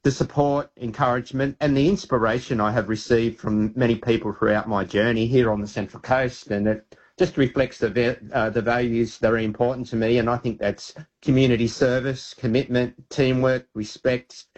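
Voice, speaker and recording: An Australian man in his late fifties speaks as a radio guest. He talks in an earnest, halting way, full of ums and restarts. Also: medium pitch, fairly even intonation, a little mellow, lo-fi sound. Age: 50s. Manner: earnest, halting with many fillers. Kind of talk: casual radio chat.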